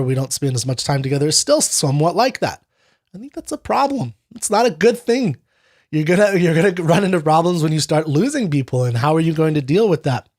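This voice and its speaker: Chatty man lecturing on poetry. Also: a little high. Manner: conversational and digressive, acting out inner voices. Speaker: host of a poetry discussion show. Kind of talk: casual livestream lecture.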